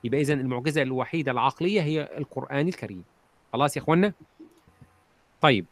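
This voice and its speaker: A man's voice: medium pitch, very fast. A male teacher with an Egyptian accent, quizzing students in an online lesson and repeating key phrases. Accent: Egyptian Arabic.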